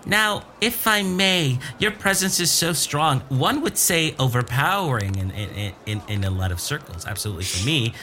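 Tiny fawning imp who lives to eat trash, a man doing the voice; high, bright and sing-song. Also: moderate pace, hardly any pauses, slight background noise. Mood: eager. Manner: eager, people-pleasing, flattering, giggly. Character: tiny fawning male garbage-eating imp.

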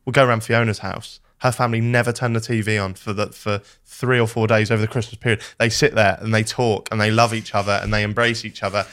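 A young Englishman in his late twenties chatting on a podcast, his voice sitting fairly low. He talks loosely, restarting sentences and poking fun at himself. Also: flat delivery, fast talker, hardly any pauses, a bit bright. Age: 20s. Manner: chatty, self-deprecating, frequent restarts. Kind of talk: casual podcast conversation.

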